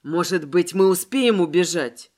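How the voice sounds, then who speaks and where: A woman's voice: lowish voice, very animated, a little slow, voice pushed down. A woman reading a storybook aloud, voicing a flustered grown man who pleads in a panic. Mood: panicky pleading.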